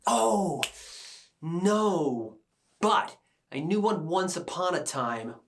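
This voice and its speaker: Man putting on squeaky wide-eyed Buttons. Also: expressive, very slow, slight background noise, heavily acted. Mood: eager.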